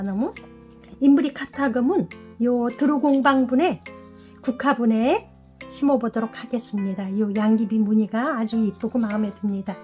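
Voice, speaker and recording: High-voiced middle-aged woman, chatty host. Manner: calm, chatty, acts out phone dialogue. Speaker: succulent channel host. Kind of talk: casual storytelling while repotting plants.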